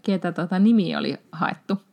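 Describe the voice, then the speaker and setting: A woman's voice: lowish voice, gravelly, darkish tone. A woman hosting a podcast, chatting casually and laughing often, with frequent restarts. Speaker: podcast host.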